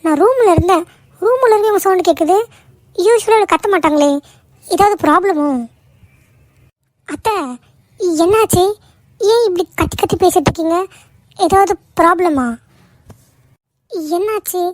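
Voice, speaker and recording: A woman's voice: very high voice, moderate pace, long pauses, no echo. A woman voicing a caring young daughter-in-law in a cartoon, pleading and soothing. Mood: worried. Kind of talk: cartoon voice acting.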